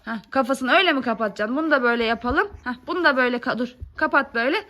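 Bright high-voiced mother talking to kids. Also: racing. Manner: coaxing, scolding playfully, talks to small children. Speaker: mother filming her kids. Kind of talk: casual family vlog chat.

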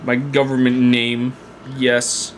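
Brief: young male streamer, unhurried casual chat, faint background hum. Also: mid-range voice, completely flat delivery. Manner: rambling, laid-back, laughs easily.

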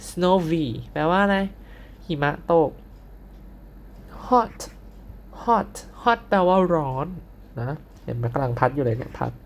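A young man leads a recorded English lesson for primary school pupils. He speaks in a patient, unhurried way, repeating each vocabulary word and its meaning so the children can follow. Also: on the high side, lively intonation, slight background noise. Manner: spells words letter by letter.

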